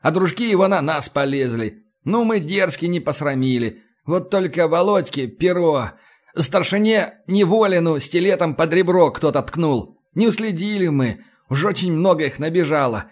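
A man voicing a burly navy bosun who talks in a rough, rambling sailor manner, pitched high above his own voice. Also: lively intonation, normal speed, lightly acted. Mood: sheepish. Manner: colloquial, rambling sailor talk.

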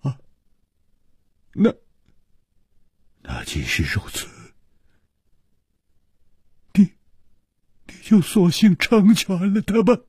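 A man voicing a furious, desperate husband who shouts in a hoarse, strained voice. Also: high-pitched, huge pitch swings, extremely slow, pauses often, dry recording, clean studio sound, voice pushed up, heavily acted. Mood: hoarse pleading.

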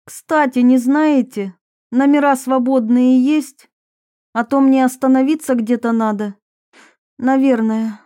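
A brash, nosy young woman, as a woman reader puts her on speaks up higher and louder than the narration. The tone stays warm and mellow. The sound is dry and close, as in an audiobook. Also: fairly even intonation, unhurried, dry recording.

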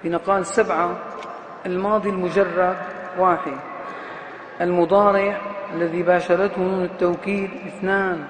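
A man teaching a classical Arabic grammar lesson, who repeats and half-chants example words slowly, stressing each syllable. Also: high-pitched, flat delivery, background noise. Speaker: grammar lecturer. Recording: roomy hall echo, faint ambience.

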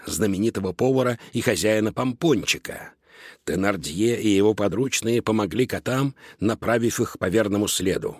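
A man narrating a children's storybook in an expressive, lively reading. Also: on the low side, husky, dry recording, studio quality. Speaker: audiobook narrator.

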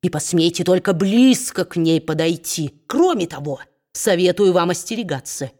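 Woman doing a sneering gruff dwarf man. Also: lowish voice, lively intonation, moderate pace, darkish tone. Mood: gloating. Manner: sneering, gloating, growling. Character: spiteful mocking male dwarf, gruff and low.

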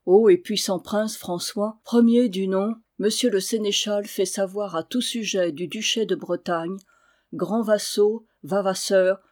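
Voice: mid-range voice, lightly acted. A reader voicing a male herald who cries out a formal proclamation in an audiobook. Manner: loud formal declaiming. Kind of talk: audiobook reading.

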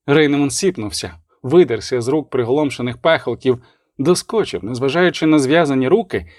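A man narrating an audiobook with a dramatic, expressive reading. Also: medium pitch, brisk, dry recording, clean studio sound. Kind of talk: scripted narration.

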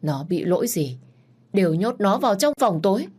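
A woman's voice: mid-range voice, sing-song, moderate pace, a little mellow, slightly rough, voice pushed up. Bitter accusing mother, read by a woman storyteller, strained and raised. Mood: resentful. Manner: resentful, accusing. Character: bitter grieving middle-aged mother, servant woman.

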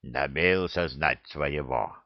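A gruff, stern old orc elder, as a man puts him on, growling out his scolding in a deep, unhurried voice. The storybook reading is close and dry, with a slightly dull, muffled sound. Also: no echo, heavily acted. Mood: stunned.

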